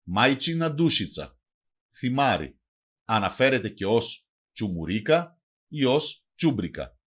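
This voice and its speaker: Guy narrating a vocab lesson, reads a word then its translation, pretty lively up-and-down voice. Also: medium pitch. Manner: reads words, then gives each translation, in measured teaching cadence. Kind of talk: scripted bilingual lesson narration.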